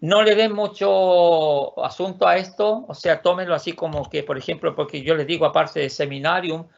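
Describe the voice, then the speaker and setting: Guy teaching an online class, slightly high pitch, keeps repeating words slowly, dull recording. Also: vocal fry. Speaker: Swedish teacher. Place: lives in Sweden. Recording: lo-fi muffled audio.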